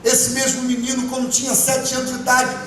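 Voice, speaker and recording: A man, a pastor, giving an emotional testimony sermon, moving between hushed and loud. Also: very high voice, monotone, a little fast, background noise. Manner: impassioned, swinging from hushed to loud. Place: church. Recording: echoey church hall from far off, music behind.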